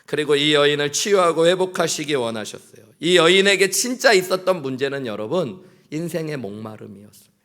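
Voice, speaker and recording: A man's voice: a little high, expressive, a little fast, a bit bright. A male pastor preaching a sermon in church, earnest, acting out prayers and bits of dialogue. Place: church sanctuary.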